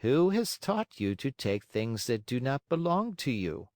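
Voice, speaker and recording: Man voicing a gentle, moralizing little glowworm. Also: mid-range voice, sing-song, unhurried, no room sound, studio quality. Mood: admonishing. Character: kindly, pitying female glowworm, gently moralizing.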